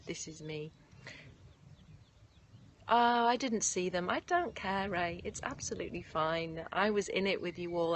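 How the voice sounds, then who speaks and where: Gentle woman, yoga teacher. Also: lowish voice. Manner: gentle, effusive, often laughing. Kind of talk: guided meditation and live-stream chat. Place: outdoors in nature. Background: faint birds and distant traffic.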